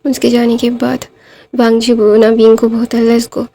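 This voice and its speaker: खरखराती आवाज़ वाली कहानी सुनाने वाली महिला. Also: female voice, a little high, completely flat delivery, normal speed, dark tone. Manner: chatty, many fillers like "to wahan pe na". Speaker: storyteller. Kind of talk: casual fan-fiction retelling.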